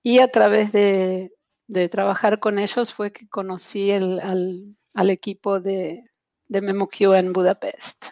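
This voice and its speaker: A translation-tool specialist from Argentina, speaking with an Argentine Spanish accent, is a guest in a video-call interview, filling her speech with fillers and restarts. Her mid-range voice barely shifts in pitch, moves slowly with vocal fry and a darkish tone, and the dry recording sounds lo-fi.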